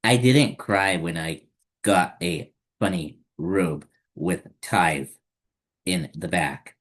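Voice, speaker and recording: Reading a picture book aloud for children at storytime, a man narrates in a low voice, slowly and deliberately, phrase by phrase.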